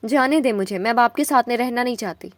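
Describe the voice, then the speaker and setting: A woman voicing an injured young wife who shouts through tears, her voice pitched a little high and close and dry. She sounds wounded and defiant, set in a spoken romance novel. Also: no echo, lightly acted. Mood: tearful anger. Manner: tearful and shouting. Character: angry young wife, crying, accusing her husband.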